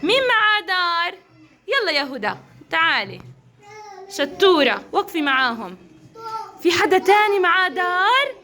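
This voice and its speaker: A young woman with a Levantine accent teaching small children in a classroom, cheering them on and slowly sounding out syllables. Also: extremely high pitch, big pitch swings, sharp tone. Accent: Levantine Arabic. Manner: encouraging, praises often, drawn-out sounding of syllables. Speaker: kindergarten teacher. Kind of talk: classroom phonics drill.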